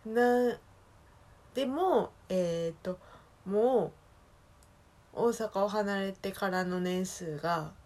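A woman from Osaka speaking with a Kansai accent, chatting casually alone in a relaxed, rambling way that keeps correcting itself. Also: mid-range voice, very slow, pauses often. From Osaka, Japan. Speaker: solo podcast talker. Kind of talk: casual solo chat.

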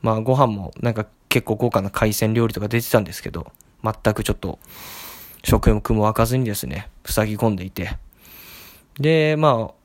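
A man's voice: fairly low pitch, a little fast, no room sound. A young man rambling wryly through a solo casual monologue as a podcast host, recorded in his home kitchen. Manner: rambling, wry, self-deprecating chatter.

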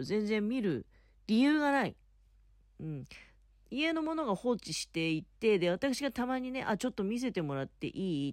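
Tucked under a futon in bed at home, a woman hosts a podcast solo, chatting casually in a polite, explanatory way. Her voice is lowish and a little mellow, captured at studio quality with no room sound.

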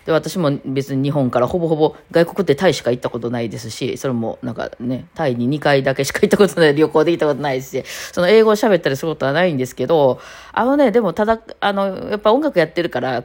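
A woman in her thirties with a Kansai accent hosts a solo talk show. Her voice sits low, and her speech runs quick and loose, with constant fillers and restarts. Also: darkish tone. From Japan. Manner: chatty, rambling, many fillers and self-corrections. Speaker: podcast host, violinist. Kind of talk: casual solo talk, reading a listener message.

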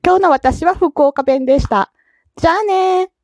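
A woman's voice: very high-pitched, moderate pace, a little mellow, dry recording, studio quality. A woman with an Osaka Kansai accent hosting a casual solo podcast, chatty and laughing often between her words. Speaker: podcast host.

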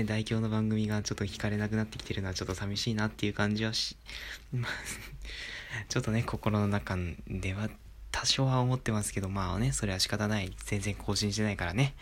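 Hushed low-voiced man talking quietly. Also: a little hiss or hum. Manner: hushed, low-volume talk with soft laughs and filler. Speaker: podcast host. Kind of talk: casual solo talk. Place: inside his home, alone. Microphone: phone microphone.

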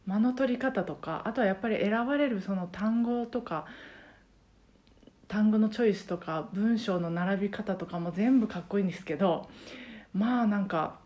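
A woman's voice: mid-range voice, moderate pace, a little mellow. A woman with a Kansai accent, a karaoke teacher talking casually and at length on her own podcast, rambling with many fillers. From Japan. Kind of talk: casual solo podcast chat.

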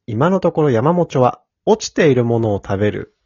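A man's voice: mid-range voice, animated, fairly quick, darkish tone, slightly rough, no echo. A man hosting a casual podcast, reading listener letters aloud and laughing easily. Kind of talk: casual chat. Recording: dull lo-fi dry recording.

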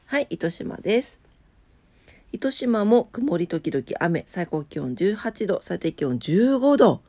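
Low, mellow, nasal woman. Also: big pitch swings, takes it slowly. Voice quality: nasal, stuffed-nose voice. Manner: drowsy, unpolished. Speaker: host of a daily morning weather and today-in-history show. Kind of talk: casual chat mixed with reading weather and trivia notes.

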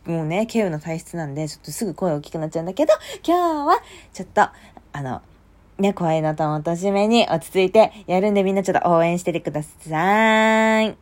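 A young woman hosting a casual solo podcast late at night, chatty and lively, often bursting into a louder voice. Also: fairly low pitch, fairly quick. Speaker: podcast host. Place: home at night.

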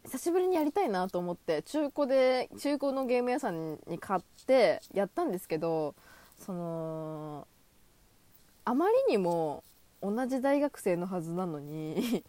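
Lively young woman chatting solo. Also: no room sound. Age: 20s. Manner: animated, high-energy, acts out imagined dialogue; self-deprecating, giggly. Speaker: solo talk podcaster. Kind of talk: casual solo monologue.

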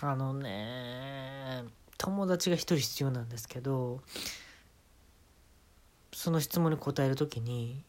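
A man's voice: mid-range voice, slow pace, long pauses, darkish tone. Kansai man doing a comic monologue. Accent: Kansai Japanese. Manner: absurd storytelling with mock-serious instructions. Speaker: podcast host.

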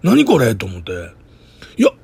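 A man with a Kansai accent telling a comic story in an excitable, stumbling monologue as a podcaster. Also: mid-range voice, normal speed, vocal fry, breathy edge, no room sound. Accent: Kansai Japanese. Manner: excitable, animated, stumbling retelling. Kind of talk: casual comedic storytelling monologue.

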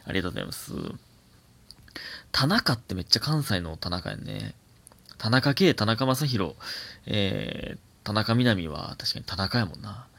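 Gravelly, lively Kansai-accented man. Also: fairly low pitch, moderate pace. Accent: Kansai Japanese. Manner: chatty, animated, rambling musings with laughs and self-corrections. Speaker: podcast host. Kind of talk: solo casual radio talk, reading listener mail.

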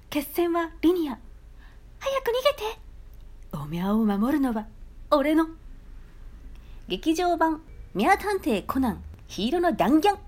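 A booming movie-trailer narrator with a heavy Nagoya accent, as a woman puts it on, pitched well above her usual talk and swooping wildly. The delivery is theatrical and grand. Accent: Nagoya dialect. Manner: theatrical, rising intensity.

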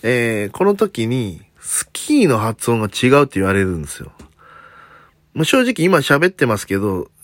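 A man from Osaka, a comedian running a solo talk podcast, chats casually at normal speed. His mid-range voice swings widely in pitch, and his standard Japanese leans slightly toward Tokyo with faint Kansai traces. Chatty and self-deprecating, he fills pauses with "un" and adds joking asides, with no echo in the recording.

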